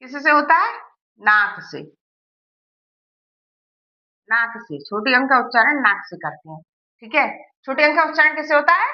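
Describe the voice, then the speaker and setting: A woman's voice: high voice, very animated, unhurried, long pauses, lo-fi sound. A woman teaching a grammar lesson, asking her students questions and answering them herself, checking that they follow.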